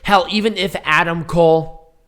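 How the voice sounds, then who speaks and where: Man with a hoarse, cracking, higher-pitched voice. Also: steady tone, moderate pace, a bit bright. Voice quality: froggy, squeaky voice breaks. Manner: self-mocking, blunt, swearing. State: hoarse, cracking voice after losing it from a night out. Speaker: wrestling review podcast host. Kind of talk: casual chat and match commentary.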